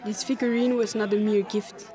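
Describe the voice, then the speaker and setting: A woman's voice: medium pitch, level tone, normal speed, mellow, faint music behind, some chatter behind, close to an everyday voice. A woman voicing a grim young female witch hunter who speaks tightly through gritted teeth. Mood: grim resolve.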